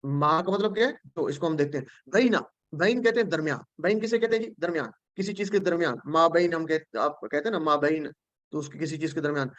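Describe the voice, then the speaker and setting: A man with a Pakistani Urdu accent teaches the meanings of Quran words, patiently repeating each one, reciting prayer phrases slowly, and often checking that his students follow. His voice is a little high and a bit bright, with no echo but lo-fi sound.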